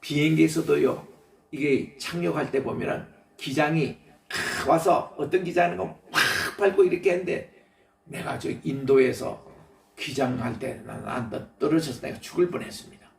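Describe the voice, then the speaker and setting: A man's voice: on the high side, moderate pace, gravelly. An older man preaching a sermon in a church, folksy and anecdotal, chuckling as he tells stories. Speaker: pastor. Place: church sanctuary. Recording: echoey church from the mic's distance.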